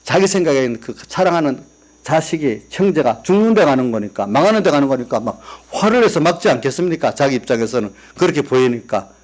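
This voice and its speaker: A man's voice: medium pitch, animated, fast talker, darkish tone. A man preaching a sermon in a church, asking the congregation questions and telling personal family stories in an easygoing, conversational way. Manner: tells personal stories, quoting family members. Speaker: pastor. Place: church sanctuary.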